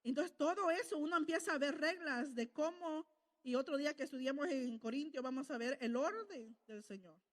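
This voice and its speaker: Woman, sermon, storytelling, quizzes the congregation, high voice. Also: normal speed, long reverb tail. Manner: storytelling, asks the congregation questions and answers them. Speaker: preacher.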